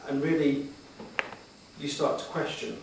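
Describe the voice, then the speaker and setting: A middle-aged man giving earnest, slightly hesitant answers in a formal interview before a room, with measured phrasing. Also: on the high side, flat delivery. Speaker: job applicant answering interview questions. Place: echoey meeting room, addressing the room. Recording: very echoey hall, distant mic, background noise.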